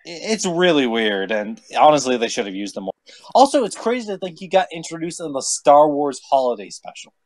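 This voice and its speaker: A man hosting a casual chat on a voice call, joking and sarcastic with quick comebacks. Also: fairly high pitch, big pitch swings, no room sound. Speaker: podcast host.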